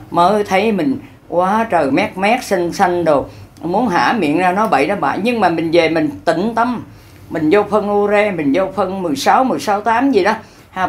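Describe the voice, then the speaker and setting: A woman giving an improvised, folksy Buddhist sermon, rambling and colloquial, acting out little dialogues. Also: fairly low pitch. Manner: rambling, colloquial, with acted-out dialogues and frequent fillers. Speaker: lay Buddhist preacher.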